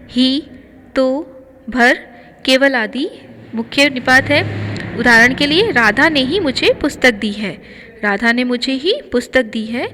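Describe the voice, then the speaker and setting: Woman teacher, high voice, methodical grammar lesson, long reverb and faint room hiss. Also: a bit bright. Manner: explains step by step, reading out lists of examples. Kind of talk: grammar lesson for school students.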